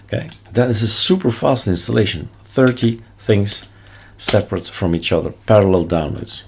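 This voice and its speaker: A man's voice: on the low side, animated, moderate pace, creaky, darkish tone. A man from Belgium with a Belgian accent, a non-native English speaker, presenting a casual screencast tutorial in short choppy phrases with offhand asides. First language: not English. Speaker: tutorial host. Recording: noticeable background noise, keyboard clicks and typing. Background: keyboard typing and mouse clicks.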